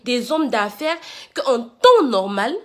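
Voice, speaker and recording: A woman's voice: fairly high pitch, very animated, takes it slowly, a bit bright. A woman delivers an indignant, confrontational rant to viewers, speaking emphatically and hammering repeated phrases and rhetorical questions. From Africa.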